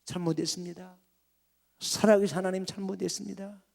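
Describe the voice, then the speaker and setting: A preacher acting out a startled, shouting reformer. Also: male voice, steady tone, fairly quick, vocal fry. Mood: repentant. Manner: cries out in high startled questions. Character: distraught male church reformer, alarmed then repentant. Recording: long hall reverb.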